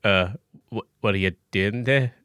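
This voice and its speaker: A man doing a gruff old dwarf chief. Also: fairly low pitch, normal speed, a bit bright, no echo, studio quality, lightly acted. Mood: proud. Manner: stern, clipped, faintly Scottish lilt. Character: older male dwarf leader, gruff patriarch. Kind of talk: tabletop role-play character voice.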